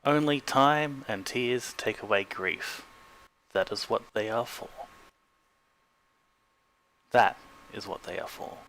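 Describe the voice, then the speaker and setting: A man playing a gentle, solemn character consoling someone, in a broad Australian accent, speaking softly. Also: mid-range voice, unhurried, a little hiss or hum, natural voice. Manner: soft and solemn.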